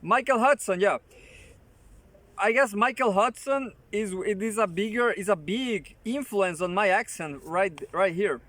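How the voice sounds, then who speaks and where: A channel host reads an article aloud and comments casually on it, his high, slightly bright male voice moving slowly. He's halting, restarting often and tossing in joking asides.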